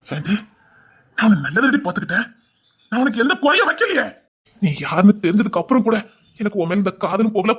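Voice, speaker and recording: A man's voice: creaky, slightly rough, exaggerated voice. A man with a Tirunelveli Tamil accent, voicing a wronged and vengeful husband in a dubbed family drama, scolding bitterly. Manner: bitter, scolding, swinging between shouts and low mutters.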